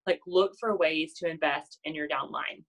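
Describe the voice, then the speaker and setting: A network marketing team leader in her thirties addresses her sales team at a moderate pace, her nasal voice pitched low. The talk is casual and motivational, and she often adds "does that make sense?"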